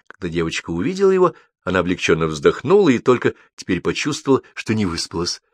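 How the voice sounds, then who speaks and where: A man narrating a story aloud in an expressive, theatrical manner. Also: sits low, fast, no echo, studio quality. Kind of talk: audiobook story reading.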